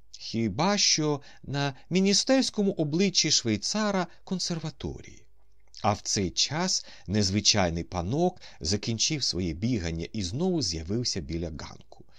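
A man narrating a story in an expressive, storytelling manner. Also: lowish voice, no room sound. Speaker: audiobook narrator. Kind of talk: scripted narration.

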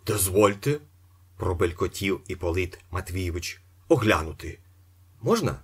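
A man voicing an anxious, fussy older nobleman in an audiobook, in a raised, squeaky voice. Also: animated, normal speed, husky, heavily acted. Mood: fretful. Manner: agitated, squeaky, fretful. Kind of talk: audiobook character voice.

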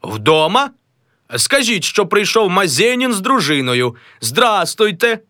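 A man's voice: high voice, very animated, a little slow, sharp tone, no room sound, clean studio sound, pitched above the performer's own voice, full character voice. A man voicing a pompous middle-aged man who rehearses a grand new name in several self-important greeting voices.

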